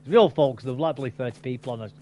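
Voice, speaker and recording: A man's voice: mid-range voice, very fast, darkish tone. A man chatting casually with a friend while gaming, laid-back and fond of mild swearing. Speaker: gamer.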